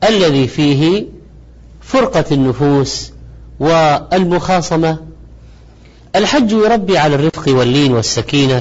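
Higher-pitched man lecturing in formal standard Arabic. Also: slightly rough. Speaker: religious lecturer presenting a program. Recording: slightly dull, lo-fi audio.

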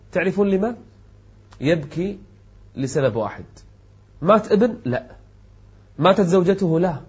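A male preacher giving an emphatic sermon, dropping to soft low tones and rising to raised exclamations, and slowly chanting verses and poetry. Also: husky. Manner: chants verses in a slow melodic recitation. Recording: dull lo-fi recording.

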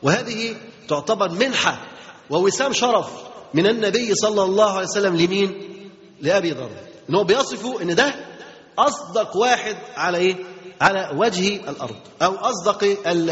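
This religious teacher has a high, fairly bright voice and a brisk delivery, speaking with an Egyptian Arabic accent. In his Islamic lesson he asks his audience rhetorical questions and repeats important phrases, captured on a dull lo-fi recording in a reverberant hall.

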